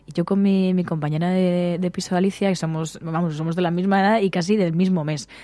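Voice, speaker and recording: A woman's voice: lowish voice, brisk, dry recording. Chatty woman co-host. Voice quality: relaxed, chatty. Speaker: radio co-host. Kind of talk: casual chat.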